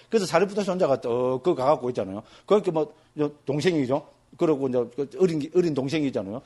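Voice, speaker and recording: A man, a Buddhist monk giving a scripture lecture. He tells stories in a lively way and keeps checking that his listeners agree. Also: fairly high pitch, husky. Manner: lively storytelling, constantly asks listeners for agreement.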